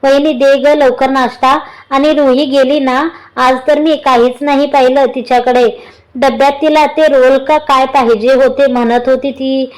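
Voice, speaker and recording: A woman voicing a hurried, chatty college girl in a storybook reading, in a high voice. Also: flat delivery, rough recording.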